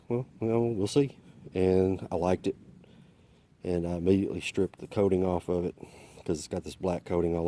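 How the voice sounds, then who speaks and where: Brief: man, deep and mellow, casual and self-deprecating, a bit winded, filmed outdoors on a camera mic. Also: a little hiss or hum. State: out of breath. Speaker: vlogger demonstrating blades.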